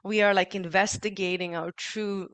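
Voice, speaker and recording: A woman from Sweden and Greece, a spiritual teacher chatting casually on a live stream, animated with frequent laughs and fillers. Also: medium pitch, moderate pace, dry recording.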